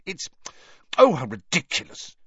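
A man doing a high flustered teenage girl. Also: big pitch swings, measured pace, gravelly, slightly rough, dry recording, dull audio, exaggerated voice. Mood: upset. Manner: high, exclaiming.

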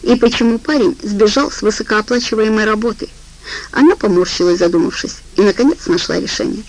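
A woman narrating a detective novel as an audiobook reader, in a steady, measured reading voice. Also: mid-range voice, low-quality recording. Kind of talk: scripted narration.

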